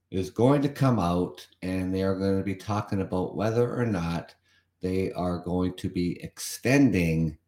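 This is a low, darkish male voice with a reverberant sound. He's a Canadian podcast host working alone, chatting as he reads an article aloud, adding his own comments and repeating himself at times.

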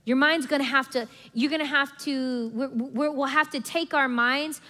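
A woman preaching a sermon in a lively, conversational way, often acting out people's inner thoughts. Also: sits high, moderate pace. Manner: animated, acts out congregation's inner voices with laughs. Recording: long hall reverb.

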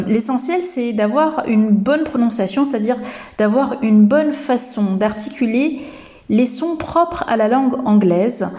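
A woman hosting a podcast lesson, teaching English pronunciation and speaking slowly and hesitantly, with many fillers. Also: fairly high pitch, mellow.

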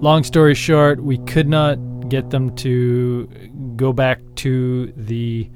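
A man's voice: mid-range voice, level tone, slow pace, over music. A man co-hosting a podcast, chatting casually as he recounts a story. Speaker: podcast co-host.

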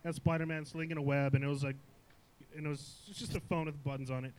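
Fairly high voiced dude on a podcast, cussing his way thru a story and cracking up. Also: fairly even intonation, a little mellow, rough recording. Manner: profane, drawn-out storytelling, laughs through it. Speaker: podcast co-host. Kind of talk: casual chat. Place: live show at a sports bar.

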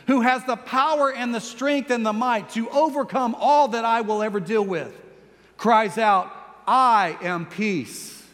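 A male pastor preaching a sermon, telling a story with animated delivery and acting out quoted lines. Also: very high voice, in a large hall.

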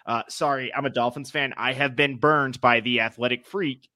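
Male sports co-host, New England accent, casual and mildly profane, bright punchy tone, dry close sound. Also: medium pitch, fairly even intonation, normal speed, no echo. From New England, United States.

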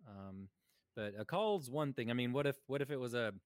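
A man's voice: mid-range voice, expressive, fairly quick, smooth, no echo. A man co-hosting a paranormal podcast in casual chat, rambling with fillers and jokes. His voice sits in a middle range and is recorded close and dry. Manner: chatty, joking, with frequent fillers. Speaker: podcast co-host.

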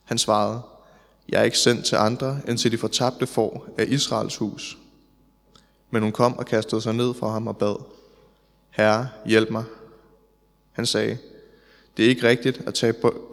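A man reading psalms and gospel aloud in a church service, in a measured, solemn way. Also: medium pitch, little pitch movement, creaky. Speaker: scripture reader in church service. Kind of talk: liturgical scripture reading. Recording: long church reverb.

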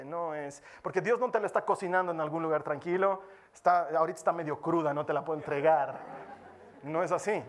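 Animated man preaching a sermon. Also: a little high. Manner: animated, switching between loud emphasis and soft hushed lines; acts out voices of people in the congregation.

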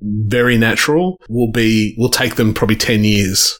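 A man's voice: lowish voice, normal speed, fairly bright tone. A man co-hosting a casual tech podcast. He rambles and restarts his sentences as he thinks aloud. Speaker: podcast co-host.

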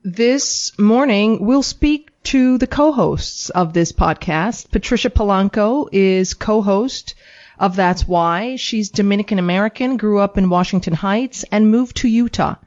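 A female radio co-host who introduces her guests and asks them questions in a brisk, friendly manner. Her voice sits at a middle pitch, and the recording is somewhat dull and muffled. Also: darkish tone. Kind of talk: radio interview.

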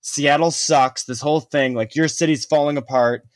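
A sneering, insulting customer who won't put on a mask, as a man retells him in his own voice. He spits out the insults flatly, in a dry, close sound with no room around it. The voice stays mostly the man's own. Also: fairly high pitch, moderate pace, no room sound, close to an everyday voice. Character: rude maskless male brewery customer.

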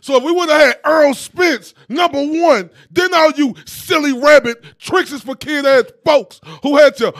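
A man's voice: extremely high pitch, normal speed, hardly any pauses, a bit bright. A man from Dallas with a Texas accent, co-hosting a boxing talk show, laughing and joking in slang. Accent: Texan. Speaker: podcast co-host. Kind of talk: casual sports debate.

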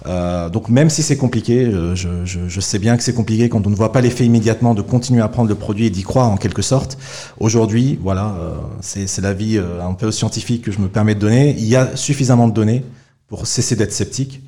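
Male podcast guest, low and mellow, sincere and steady with some hesitations. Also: fairly quick. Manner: earnest, sets out his opinion with fillers. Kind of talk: podcast interview.

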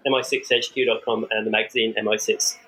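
A man's voice: on the low side, flat delivery, quick pace, rough recording. A man who writes for a spy site, a playful podcast guest. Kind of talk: casual chat.

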